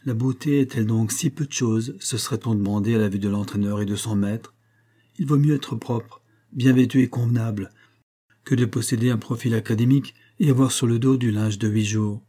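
A man narrating a novel as an audiobook in a measured, even reading manner. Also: medium pitch.

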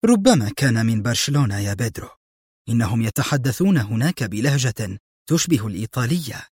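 A man voicing a cunning female crime boss, soft-spoken but menacing, in an audiobook reading. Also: mid-range voice, sing-song, a little fast, slightly rough, no room sound, studio quality. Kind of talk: audiobook narration.

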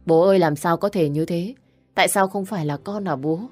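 A woman's voice: lowish voice, brisk, soft background music, natural voice. A woman voicing a spoiled, jealous young woman desperate to marry. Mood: whiny. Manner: whiny, desperate.

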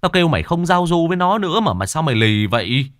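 A male narrator voicing a gruff, hot-tempered older brother who scolds bluntly in a ghost story. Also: fairly low pitch, very animated, measured pace, a bit bright, dry recording, clean studio sound. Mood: angry scolding.

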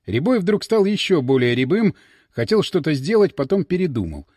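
Picture a man reading a story aloud with a lively, rising and falling voice. His pitch sits a little high, and he tells it with an ironic edge. The sound is dry and close to the mic. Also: moderate pace, husky, dry recording. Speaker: narrator. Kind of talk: scripted audiobook narration.

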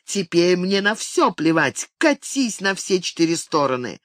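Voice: sing-song, a little slow, fairly bright tone, no echo, clean studio sound. An audiobook reader voicing a drunken, furious middle-aged mother who shrieks insults at her son. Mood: screaming, furious. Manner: shrill, screeching insults. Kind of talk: audiobook character reading.

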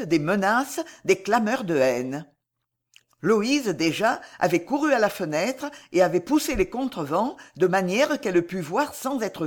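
Woman, audiobook narrator, historical novel, dramatic, lively intonation. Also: medium pitch. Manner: expressive, dramatic reading.

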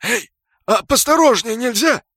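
A man voicing a nervous male orc dagger fighter in a game story, raising his voice high and loud. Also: expressive, normal speed, vocal fry, dry recording, studio quality, full character voice. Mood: indignant.

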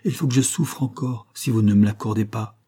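A man voicing a grieving young woman who speaks in a trembling, halting way. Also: on the low side, dark tone, lightly acted.

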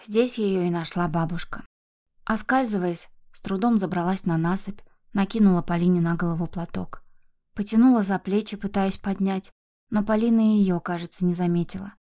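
A woman reading literary prose as an audiobook narrator, calm and measured. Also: mid-range voice. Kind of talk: scripted narration.

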